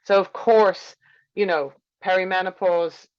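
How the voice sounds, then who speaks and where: A woman's voice: on the low side, fairly even intonation, measured pace, darkish tone. A woman giving an informal health lecture with slides, explaining in a chatty way and thinking aloud as she goes. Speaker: teacher presenting a health class. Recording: dull, lo-fi sound.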